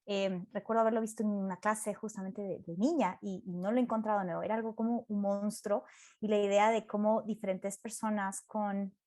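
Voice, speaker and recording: A woman's voice: medium pitch, brisk. A woman teacher in a casual online discussion, telling an anecdote animatedly on a video call. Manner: animated storyteller, acts out voices in anecdotes.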